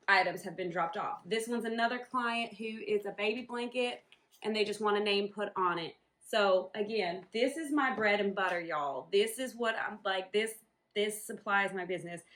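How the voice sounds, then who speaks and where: Pushed and bright, her mid-range voice carries a rambling, casual vlog about her home embroidery business. She comes from Northern New England, USA, and says um and like frequently.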